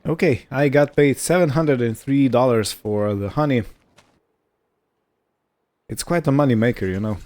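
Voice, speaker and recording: A gaming video host with a mid-range, slightly mellow voice talks at a moderate pace, leaving long pauses. He offers casual roleplay commentary, musing aloud as he narrates his actions while faint vehicle and ambient sounds play behind him.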